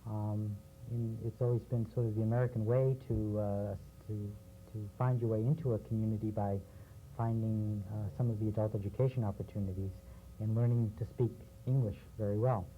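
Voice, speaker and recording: A man interviewing guests on community TV, asking steady questions with a few fillers, heard from a worn VHS tape copy. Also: on the low side, a little fast, few pauses, soft background music. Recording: worn VHS tape, thin and phone-like with faint hiss.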